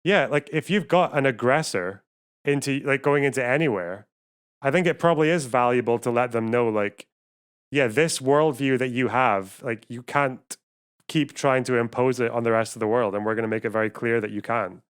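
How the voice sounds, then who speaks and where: A man's voice: medium pitch, normal speed, clear, resonant tone. A man giving casual, informal livestream commentary on a video, swearing freely as he goes.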